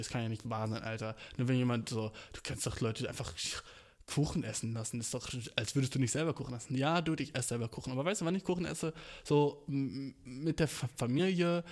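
A young man ranting in a casual, comedic way, full of slang, English words and swearing, with playfully exaggerated outrage. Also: medium pitch.

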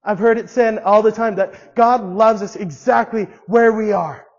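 Young guy preaching, high voice, lots of questions, dull muffled sound, long echo like a big hall. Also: moderate pace. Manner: earnest, asks many rhetorical questions. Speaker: pastor. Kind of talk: sermon. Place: church hall.

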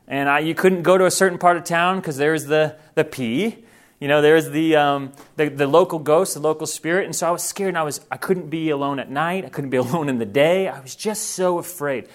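A man who grew up in Thailand, giving an earnest, informal training talk to missionaries and correcting himself as he goes. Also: on the high side.

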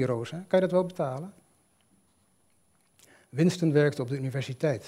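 A man calmly reading a literary short story aloud in a measured, storytelling way. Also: mid-range voice. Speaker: reader. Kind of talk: scripted narration of a short story.

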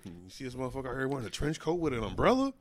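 A young man with an American accent, mid-range and animated in pitch. He banters casually with friends. His manner is streetwise, thick with slang and cursing. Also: racing, slight background noise. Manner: streetwise, heavily slangy and profane.

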